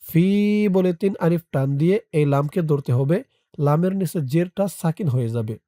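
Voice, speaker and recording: Man, recitation teacher; higher voice, unhurried, spells out each syllable before chanting the word, dry close sound. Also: dry recording. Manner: spells letters and vowel marks slowly, then recites in a drawn-out chant; explains calmly to the viewer in a lower, quicker voice. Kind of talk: slow spelled-out Quran reading lesson.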